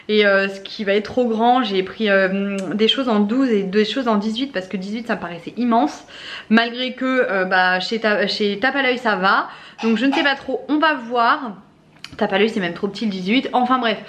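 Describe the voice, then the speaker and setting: A young woman who makes family vlogs talks casually from her kitchen at home, using plenty of fillers in an exasperated tone. She has a fairly high, somewhat bright voice.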